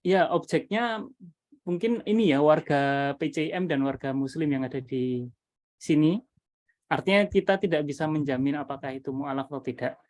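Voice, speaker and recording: A man's voice: a little high, moderate pace, a little mellow. Man, teacher presenting a method, online talk, thoughtful, many fillers, video call.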